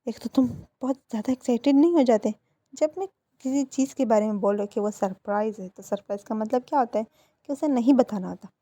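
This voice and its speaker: A devoted young man in love, teasing and insistent, put on by a woman. He pleads playfully in a warm, mellow voice, close and dry. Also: on the high side, fast talker, no room sound, lightly acted.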